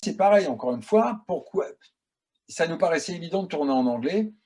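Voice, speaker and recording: Male guest, husky mellow timbre, chatty animated storyteller. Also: on the high side, a little fast. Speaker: guest filmmaker. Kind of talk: casual interview answers.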